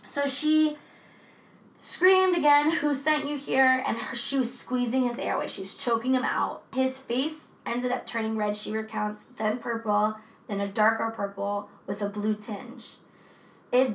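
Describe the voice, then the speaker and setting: Gravelly woman chatting, echoey and distant. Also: on the high side. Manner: chatty, profane, animated asides. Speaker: podcast co-host. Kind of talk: casual true crime chat.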